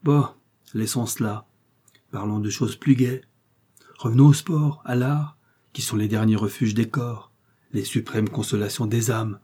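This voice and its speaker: A man's voice: on the low side, fairly even intonation, measured pace, dark tone, husky. A man reading the part of a mysterious, disillusioned woman in an audiobook. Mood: brisk. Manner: weary, disillusioned. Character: mysterious woman, bitter, distrustful, elegant.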